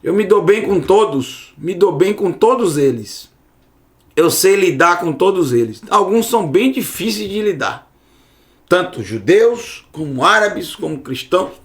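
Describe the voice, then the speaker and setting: A man's voice: high-pitched, lively intonation, a little slow. A man giving a casual online Hebrew lesson, repeating words to drill their sound. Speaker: Hebrew teacher.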